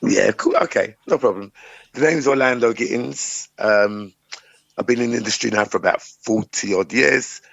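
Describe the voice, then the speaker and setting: A middle-aged man with a croaky voice, a radio talk show guest speaking in a relaxed, casual way. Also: mid-range voice, moderate pace, no echo, highs cut off. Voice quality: croaky morning voice. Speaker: guest, music promoter. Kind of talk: radio interview.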